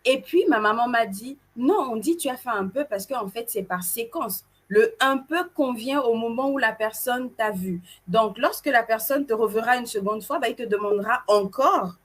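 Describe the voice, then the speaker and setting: Woman co-host from Cameroon, animated and playful with the crowd, slightly high pitch. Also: normal speed, few pauses. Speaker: event co-host. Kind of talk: casual presenting to an audience.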